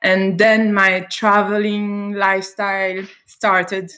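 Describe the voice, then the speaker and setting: A woman from Switzerland, a yoga teacher answering interview questions with enthusiasm and pausing to find her words. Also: mid-range voice, level tone, bright, forceful tone.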